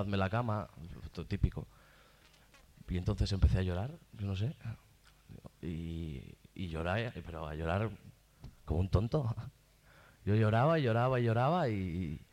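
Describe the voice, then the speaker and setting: A man's voice: fairly low pitch, a little mellow. A young man with a Spanish accent from Spain gives a rambling, colloquial and heartfelt religious testimony at a retreat. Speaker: retreat participant giving testimony.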